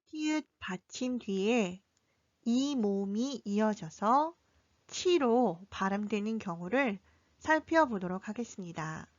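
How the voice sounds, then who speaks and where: A woman teaching a Korean pronunciation lesson in a slow, scripted delivery, drawing out each example word. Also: mid-range voice, animated, no echo. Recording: dry, slightly dull recording.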